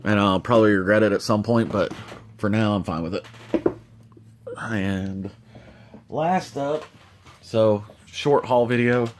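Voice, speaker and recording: A man's voice: lowish voice, unhurried, pauses often, a little hiss or hum. A man casually showing off his toy collection in a home vlog, rambling with lots of ums and uhs. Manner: relaxed, rambling with many fillers. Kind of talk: casual show-and-tell vlog.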